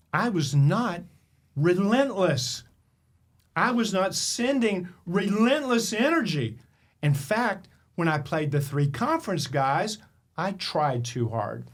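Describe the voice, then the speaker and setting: A man hosting a motivational podcast, telling a personal story with emphatic rhetorical questions. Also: high voice. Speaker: podcast host.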